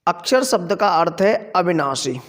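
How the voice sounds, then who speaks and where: A man with a high voice gives a grammar lesson at an unhurried pace. He poses questions to the class and answers them himself. A long reverb trails behind his voice, as in a large hall. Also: lively intonation, fairly bright tone. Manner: explains slowly, asks and answers his own questions. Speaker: Sanskrit grammar teacher. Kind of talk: classroom lecture.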